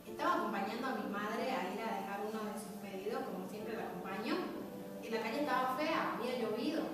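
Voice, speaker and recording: A woman's voice: mid-range voice, fast talker. A young woman with a Bolivian accent performing a comic stage monologue, acting out the dialogue. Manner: lively, acts out dialogue. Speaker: acting student. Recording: echoey hall, far from mic, music behind.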